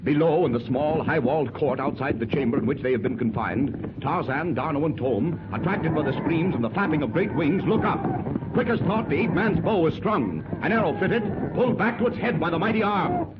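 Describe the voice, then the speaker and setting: A man with a fairly high, expressive voice narrates briskly for an adventure radio serial. He delivers it declamatorily and dramatically, building as the action rises, and the 1930s transcription sounds hissy and muffled.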